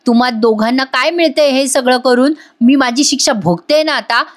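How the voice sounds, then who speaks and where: A woman's voice: high voice, moderate pace, natural voice. A woman reading the lines of a scheming young woman who pleads innocence in a flustered way. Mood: pleading.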